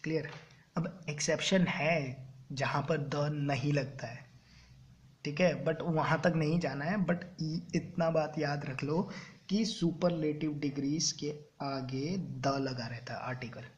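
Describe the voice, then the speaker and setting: Male exam-prep tutor, lecturing style, bit high-pitched, dull low-fi sound. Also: steady tone, takes it slowly. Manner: keeps checking understanding with "clear?" and "ok"; mixes Hindi with English grammar terms. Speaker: English grammar teacher.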